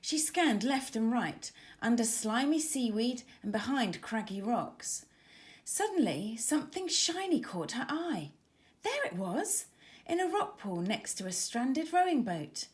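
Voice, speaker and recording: A woman children's author reads her storybook aloud to young listeners with expressive, dramatic emphasis. Her voice is a little high and unhurried.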